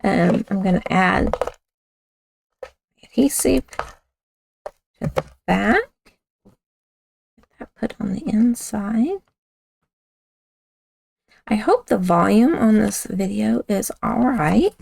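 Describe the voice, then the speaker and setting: Raspy woman demoing a craft, slow. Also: mid-range voice, lively intonation, a little mellow, no room sound. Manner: chatty, talks while working with hands, self-correcting. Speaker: craft instructor. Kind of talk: casual craft tutorial.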